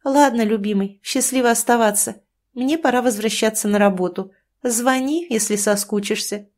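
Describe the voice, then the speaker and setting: A woman's voice: a little high, moderate pace, darkish tone, lightly acted. A woman reading an audiobook, voicing a scheming, sarcastic young woman who taunts her lover. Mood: mocking.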